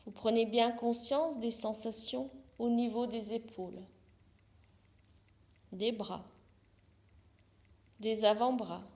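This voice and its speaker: A woman with a higher-pitched voice, working as a yoga therapist, guides a yoga nidra meditation slowly. She stays calm and unhurried, giving short soothing instructions and pausing between them.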